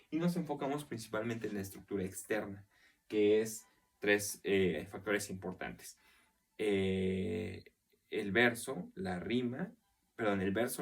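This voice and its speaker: A man's voice: fairly low pitch, far from the mic. A man teaching a literature class, explaining step by step, counting syllables aloud and often checking in with his students. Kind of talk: recorded class lecture.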